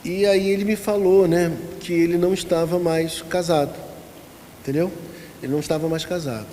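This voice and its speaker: A Brazilian man leads a church lesson as its pastor, talking conversationally, asking the room questions and telling little stories. His voice sits a bit high yet sounds mellow. It rings out in a reverberant church hall with a faint hiss underneath. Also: fairly even intonation, fairly quick. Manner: asks the congregation questions and tells anecdotes. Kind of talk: conversational Bible-study lesson.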